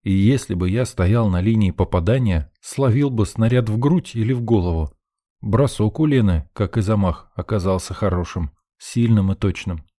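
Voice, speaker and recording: A man narrating an audiobook in the first person, with a gruff, sardonic manner. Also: on the low side, normal speed, dark tone, no echo, clean studio sound.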